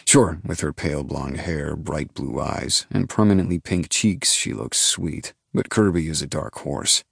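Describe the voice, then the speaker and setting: A man's voice: extremely low pitch, measured pace, creaky, a bit bright, slightly rough, no room sound. A man narrating a first-person audiobook in a dry, laid-back storytelling manner.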